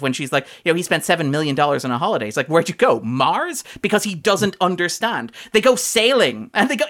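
A man co-hosting a podcast, talking through a film's themes in a long, animated, fast-flowing analysis. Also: sits high. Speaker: podcast co-host. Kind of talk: casual film discussion.

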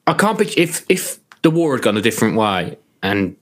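Dude co-hosting a history pod, bantery, voice goes all up and down. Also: male voice, lowish voice, a little fast. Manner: banters, asks questions, lively up-and-down delivery. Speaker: podcast co-host. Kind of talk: casual history podcast chat.

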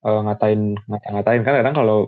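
A man's voice: fairly low pitch, steady tone, fairly quick, no echo. A young man chatting casually in slang, hesitant and often restarting his sentences. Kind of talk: casual chat. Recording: dry, tinny phone-like sound.

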